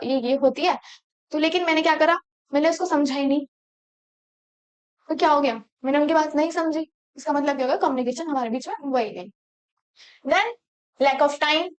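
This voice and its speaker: A young woman teacher with a high voice gives an exam-prep lecture. She keeps asking the class rhetorical questions and then answers them herself. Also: highs cut off. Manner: explains in Hindi mixed with English terms, asks the class rhetorical questions.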